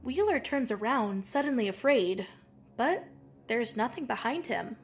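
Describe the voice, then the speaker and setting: A woman's voice: fairly high pitch, measured pace, faint music behind. An actress playing an emotional young woman who reads a story aloud and is easily moved. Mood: narrating. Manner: expressive, easily moved to tears. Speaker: story reader.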